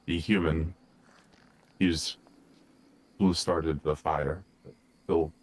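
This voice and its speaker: A man's voice: a bass voice, fairly even intonation, slow, full character voice. A man voicing a solemn male guardian creature in stiff, formal speech, his audio choppy with word endings cutting out. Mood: grave. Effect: choppy audio, words cutting out at the ends. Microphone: close to a headset or desk mic.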